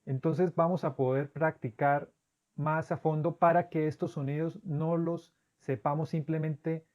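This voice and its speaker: A man whose first language is Spanish explains English vowel sounds in a steady, methodical way. He repeats each sample word slowly to demonstrate it. His voice sits a little high, and the recording is dull and lo-fi. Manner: patient, methodical, drawn-out demonstration words. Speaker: English pronunciation teacher. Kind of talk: instructional explanation.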